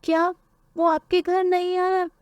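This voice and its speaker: A woman's voice: extremely high pitch, flat delivery, unhurried, no room sound, voice pushed up. A woman voicing an anxious mother bird looking for her son in a cartoon.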